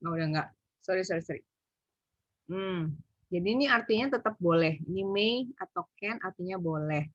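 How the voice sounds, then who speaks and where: A woman tutors English over a video call, pausing often and thinking aloud as she explains. Her voice is husky and sits at a middle pitch. The sound is dry and dull, as on a call. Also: animated, no room sound. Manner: hesitant, thinking aloud with many fillers. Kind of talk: online English lesson. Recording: muffled video call audio.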